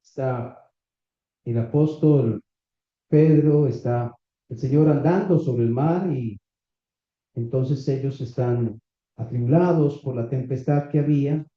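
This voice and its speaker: Man, slow deliberate sermon, rhetorical questions, echoey dull room recording. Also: medium pitch. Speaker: preacher. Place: small church meeting room.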